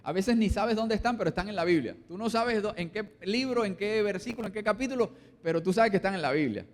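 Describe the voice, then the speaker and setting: A man preaching a sermon as pastor, acting out little quoted voices and swinging between quiet asides and louder points. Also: quick pace, in a large hall. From Colombia. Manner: preaching with acted-out quotes, dropping low and rising loud. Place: church hall.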